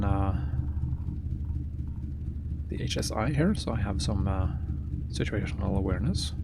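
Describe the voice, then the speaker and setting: A man giving casual pilot commentary, halting and thinking aloud as he works through checks. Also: on the low side, gravelly. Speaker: flight simulator pilot and host. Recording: loud engine-like noise behind voice. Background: loud vehicle ambience.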